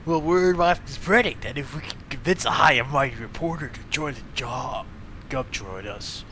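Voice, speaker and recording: A man's voice: mid-range voice, moderate pace, bright, forceful tone, a little hiss or hum, natural voice. A man voicing a swaggering male gang member in a drawling, surfer-like voice. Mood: sly.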